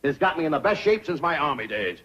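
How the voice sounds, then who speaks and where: An actor playing a pompous, middle-aged city banker with proper diction, easily flustered, in a television sitcom. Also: male voice, on the high side, big pitch swings, fast, fairly bright tone, breathy edge, dull audio, full character voice. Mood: self-satisfied. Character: fussy, self-satisfied city banker. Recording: noisy old TV soundtrack.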